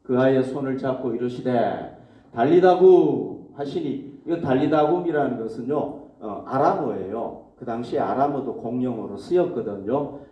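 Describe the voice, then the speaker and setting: A man's voice: mid-range voice, expressive, moderate pace, lo-fi sound. A male pastor preaching a sermon to his congregation, asking questions and answering them himself. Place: church hall. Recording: echoey church hall, mic at a distance.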